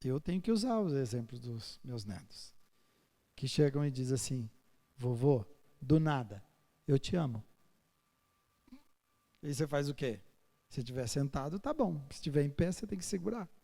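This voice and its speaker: Older pastor, slightly high voice, preaching in a reverberant church hall; moves between hushed tenderness and booming emphasis. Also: male voice, big pitch swings, a little fast. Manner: swings from soft and intimate to loud and emphatic. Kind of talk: sermon. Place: church sanctuary.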